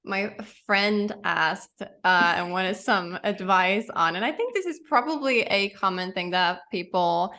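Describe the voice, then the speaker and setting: A woman's voice: medium pitch, unhurried, few pauses, bright, forceful tone. A woman hosting an interview, chatting casually and rambling with many restarts. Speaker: podcast host.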